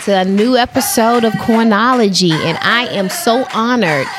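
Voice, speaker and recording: A podcast host with a slightly high voice introduces her guest enthusiastically at normal speed over music. In this casual interview, she keeps affirming her guest with frequent mm-hmms and murmurs of agreement.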